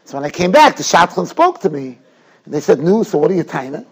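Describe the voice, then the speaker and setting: A man giving an informal, animated religious lecture, in an emphatic, questioning way full of rhetorical tags. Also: fairly high pitch, quick pace, breathy edge, rough recording. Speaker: Talmud teacher.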